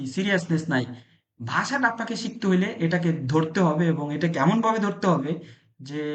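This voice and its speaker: A teacher lectures in an earnest, urging way. The teacher poses rhetorical questions and then answers them. The voice sits at a middle pitch and is recorded in a roomy, echoing space. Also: fairly bright tone. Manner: earnest, exhorting tone. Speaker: Italian language teacher. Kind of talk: online lecture. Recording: echoey room.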